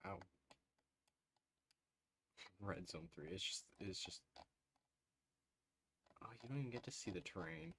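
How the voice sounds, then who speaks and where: A man's voice: sits low, lively intonation, a little slow, pauses often, pushed and bright, a little hiss or hum. A man streaming live over a headset mic, thinking aloud and reacting to a game with frequent "ooh"s and little laughs as he talks to his chat. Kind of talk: live gameplay commentary, talking to chat.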